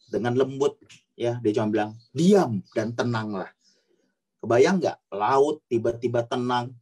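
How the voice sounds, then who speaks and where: Man, preacher, lively conversational sermon, rhetorical questions, very animated pitch.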